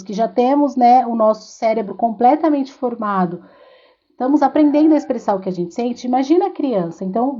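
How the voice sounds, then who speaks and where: A woman's voice: high-pitched, dark tone, dull audio. A woman in her thirties with a Brazilian Portuguese accent, telling stories and giving parenting advice in an earnest, casual way with restarts. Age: 30s. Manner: earnest, storytelling, with filler "é" and restarts. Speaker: podcast co-host and mother.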